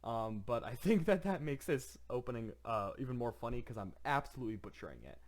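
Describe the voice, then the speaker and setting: A man's voice: medium pitch, sing-song, a little fast. A young man casually commenting on his own showcase, enthusiastic, laughing often and using many fillers.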